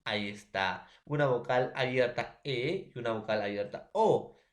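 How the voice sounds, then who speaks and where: A man's voice: medium pitch, normal speed. A man with a Peruvian Spanish accent teaching a recorded grammar lesson, often checking in with his students. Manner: addresses students as jóvenes, checks with ¿ya?.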